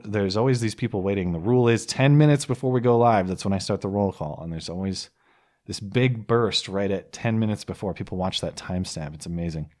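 A man's voice: lowish voice, a little mellow. A young man hosting a call-in show, chatting casually with jokes and rambling asides. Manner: joking, rambling, self-mocking. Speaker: host.

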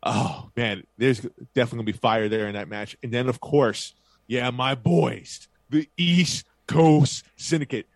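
This podcast co-host has a medium-pitched voice with vocal fry, speaking unhurriedly with no echo. In casual chat, he talks up upcoming events with enthusiastic, hype-style promo energy.

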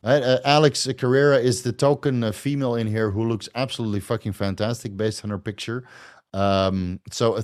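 A man's voice: on the low side, clean tone. A man from the Netherlands with a Dutch accent, chatting loosely as host while answering viewer questions and thanking donors, swearing and laughing often. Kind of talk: casual livestream Q&A.

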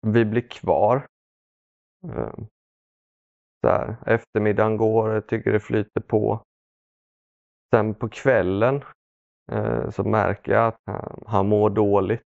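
A man telling a painful personal story in conversation, halting, with many fillers and pauses, subdued and sombre. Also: lowish voice, little pitch movement, vocal fry, no room sound. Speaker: podcast guest. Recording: dull, dry lo-fi sound.

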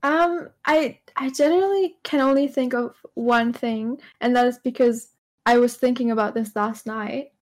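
A woman streamer talks in a casual, hesitant way, filling pauses with um and uh. Her voice sits a little higher than most. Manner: hesitant, many ums. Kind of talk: casual chat.

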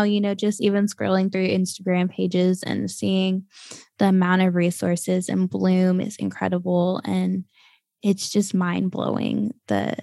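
A woman hosting a podcast, upbeat as she interviews her guest and signs off quickly. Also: mid-range voice, creaky, no room sound, studio quality. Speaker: podcast host.

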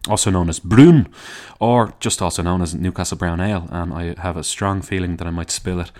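A man with a low-pitched voice and a Dublin accent introduces his podcast on his own. He talks casually and wanders off into jokey digressions, in the relaxed way of a host chatting to listeners. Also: a little fast. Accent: Dublin Irish.

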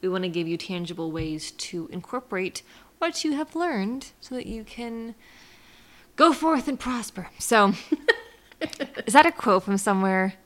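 A woman's voice: medium pitch, expressive, unhurried. A woman co-hosting a podcast, chatting casually and rambling, laughing at her own slips. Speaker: podcast co-host. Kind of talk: casual chat.

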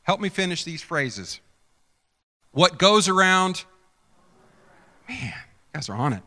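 Man preaching, conversational and chatty, stumbles and restarts, bright edgy voice, long hall reverb. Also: high voice, very animated, takes it slowly. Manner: chatty, self-interrupting, quizzes the congregation. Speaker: pastor. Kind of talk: conversational sermon.

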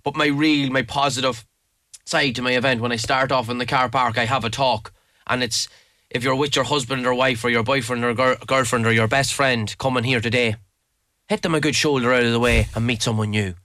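An Irishman with a bright, forward voice at a middling pitch, recorded close and dry. He talks casually as an interview guest, with keen, emphatic enthusiasm, repeating words to press a point. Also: fairly even intonation, brisk, no room sound. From Leitrim, Ireland. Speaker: interview guest, mountain adventure guide. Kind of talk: casual spoken interview answers.

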